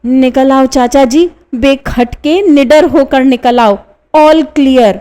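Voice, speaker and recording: A woman's voice: high voice, slow pace, mellow. A woman doing an eager young nephew. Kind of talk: one-reader radio play.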